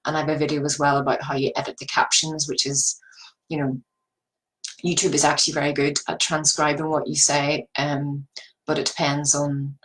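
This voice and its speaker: Low-pitched Northern Irish woman, fairly even delivery. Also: normal speed, poor audio. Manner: rambling, earnest, encouraging, with repetition for emphasis. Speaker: business coach. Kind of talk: informal advice monologue to online viewers.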